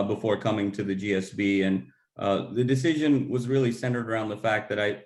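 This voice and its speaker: Low, flat-voiced man in echoey room. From Los Angeles, US. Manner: measured, halting, many fillers and restarts. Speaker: panelist, MSx student. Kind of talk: panel answers.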